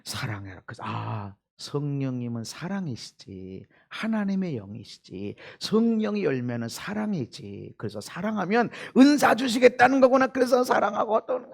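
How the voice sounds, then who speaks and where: A male pastor preaches in a church, his voice riding high and swinging widely in pitch. He drops to near whispers and then climbs back to loud, emphatic bursts. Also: lively intonation, normal speed, creaky, few pauses. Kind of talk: sermon. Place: church sanctuary.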